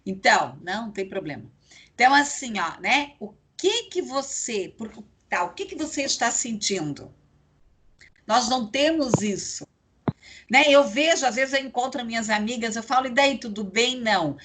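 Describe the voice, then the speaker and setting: A woman's voice: on the high side, lively intonation, moderate pace, a bit bright, a little hiss or hum. A middle-aged woman teaching psychology in an online class, chatty and full of tag questions to her students.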